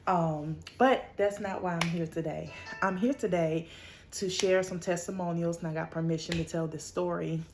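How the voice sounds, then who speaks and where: Thirties woman, motivational vlogger, easygoing storytelling, lowish pitch, filler-heavy. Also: steady tone, normal speed, faint music behind. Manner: chatty, many fillers, praises God. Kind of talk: casual personal story to camera.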